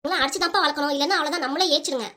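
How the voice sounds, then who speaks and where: A woman's voice: high-pitched, racing, bright, forceful tone. A woman voicing a short-tempered young mother who nags and scolds, with a southern Tamil accent. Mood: scolding. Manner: nagging, scolding.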